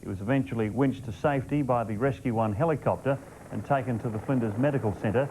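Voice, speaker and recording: An Australian man presents scripted news. His voice sits at an average pitch for a man, in a formal bulletin read. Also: quick pace, noisy background.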